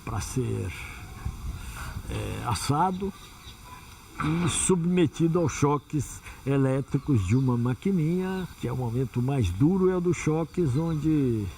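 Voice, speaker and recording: A man in an interview, giving an earnest, halting spoken recollection. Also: medium pitch, expressive, gravelly, dark tone, recorded from a distance, a little hiss or hum. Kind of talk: testimony interview.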